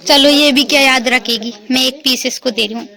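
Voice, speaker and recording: A woman's voice: sits high, steady tone, a little fast, gravelly, bright, forceful tone. A young woman vlogging casually outdoors in her neighbourhood, chatting and teasing the kids around her as she films on a phone. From India. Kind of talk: casual family vlog chat.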